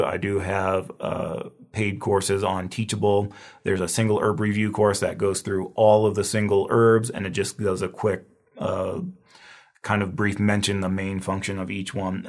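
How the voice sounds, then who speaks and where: A man teaching herbal medicine reviews past material casually, rambling and leaning on fillers while his scratchy voice fades. It is lowish and darkish in tone.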